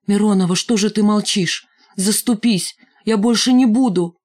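A woman's voice: medium pitch, unhurried, slightly rough, voice pushed up. A woman voicing a cowardly schoolboy who fawns and pleads in a whiny voice. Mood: pleading.

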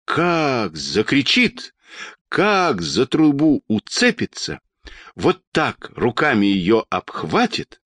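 A chatty red-haired boy, voiced by a man reading aloud, drags out his words as he describes the scene. The pitch wanders widely, and the sound is dry and close. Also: huge pitch swings, fairly bright tone, dry recording, full character voice. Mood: excited. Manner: breathless chatter, drawn-out words. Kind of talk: storybook reading.

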